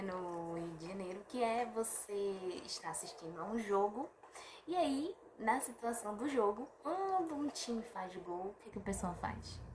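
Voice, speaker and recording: A chatty woman talks straight to her viewers, tossing out rhetorical questions and sighing in exasperation. Her voice sits at a middle pitch and rings in a roomy, echoey space. A faint hum of ambience sits behind her. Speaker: vlogger. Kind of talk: casual opinion monologue to camera.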